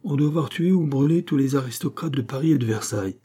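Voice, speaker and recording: A man's voice: medium pitch, fast talker, warm tone, breathy edge, voice pushed up, natural voice. A man reading an audiobook voices a proud young peasant who declaims his exploits with emphatic pride. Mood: boastful.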